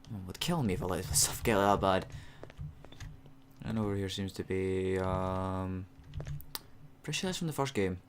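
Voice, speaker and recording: A man's voice: low voice, moderate pace, long pauses, a little hiss or hum. Sarcastic man commenting on a game. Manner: chatty and sarcastic. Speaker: let's play host. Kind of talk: casual gameplay commentary.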